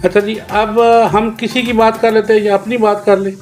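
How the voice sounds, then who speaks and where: A man teaching children a homework lesson, slowly dictating and repeating words syllable by syllable. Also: sits high, flat delivery, soft background music.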